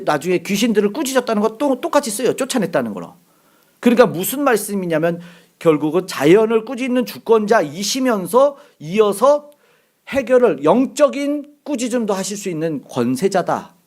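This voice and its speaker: A middle-aged male pastor preaching a sermon, lively and acting out the voices he quotes. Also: a little high.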